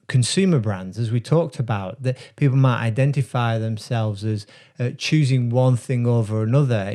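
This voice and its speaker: A brand strategist talks casually to camera in a dark-toned, mid-range voice. He explains ideas reflectively and unhurriedly, pausing frequently.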